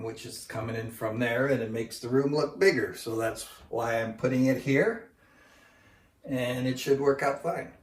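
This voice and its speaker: A man's voice: mid-range voice, reverberant, far from the mic. A man hosting a home DIY video, explaining each step in a plain, easygoing way with small restarts, in his living room. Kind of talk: casual how-to narration.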